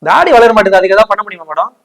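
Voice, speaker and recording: A man's voice: high-pitched, racing, gravelly, soft background music. A man, pulling a hidden-camera prank as a fussy salon customer who nags and picks arguments. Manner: loud, nagging, picks arguments.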